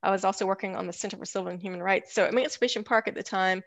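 Casting: woman guest, gravelly mid-pitched voice, thoughtful, hesitant delivery. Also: fairly even intonation, racing, no echo. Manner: thoughtful, many fillers and restarts. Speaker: podcast guest, architect and firm founder. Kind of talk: casual interview conversation.

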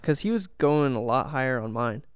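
A man's voice: medium pitch, expressive, normal speed, clear, resonant tone, no room sound, studio quality. A man co-hosting a podcast, talking casually about football picks in an upbeat, agreeable way. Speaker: podcast co-host. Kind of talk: casual sports chat.

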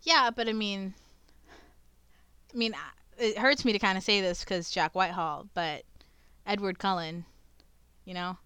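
A young woman chatting on a podcast with a bright, crisp voice that sounds close and dry. She laughs easily, swears casually, and gets animated when she tells a story. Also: medium pitch, unhurried, long pauses, no echo. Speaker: podcast co-host. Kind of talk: casual chat.

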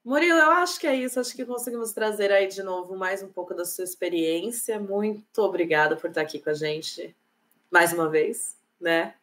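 A woman's voice: medium pitch, brisk, a bit bright. A woman hosting an interview, friendly and thankful as she wraps it up. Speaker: host. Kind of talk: interview host wrapping up.

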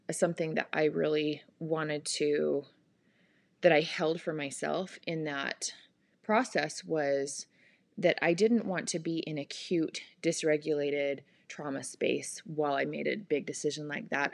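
Woman, 40s, low voice, gravelly, reflective podcast monologue, unhurried pauses. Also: no echo. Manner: gentle, thoughtful, many pauses and fillers. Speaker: podcast host.

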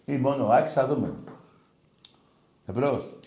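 A man hosting a rowdy sports call-in show, taking calls brashly, mocking callers crudely and breaking into loud outbursts. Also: mid-range voice, roomy sound. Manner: brash, crude and mocking, with sudden shouting bursts. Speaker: radio call-in show host. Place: radio studio.

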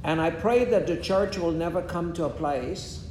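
Preacher in his 70s, kinda high voice, slow measured bits, echoey room w/ faint rumble. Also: a little mellow. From Guyana. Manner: measured, pausing after each phrase. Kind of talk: sermon delivered in short phrases for an interpreter.

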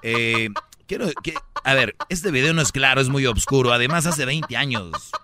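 A man's voice: medium pitch, animated, moderate pace, sharp tone. A man playing an indignant bald defense lawyer in a comedy radio mock trial. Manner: objecting, indignant.

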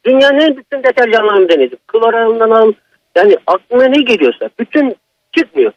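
A man's voice: very high-pitched, very animated, fairly quick, dry recording, lo-fi sound. A man calling in to tell a personal horror story, in an agitated, emphatic manner. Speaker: caller.

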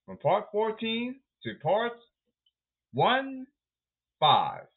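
A man hosts a solo sports podcast with a somewhat high voice that swings widely as he talks. He calls things out again and again like an announcer. The sound is thin and tinny, as if it came over a phone. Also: huge pitch swings, drawn-out words. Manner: repetitive, announcer-like calling out. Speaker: podcast host.

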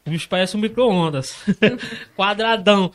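A man's voice: high-pitched, moderate pace, a bit bright. A man in casual, slangy conversation, full of exclamations.

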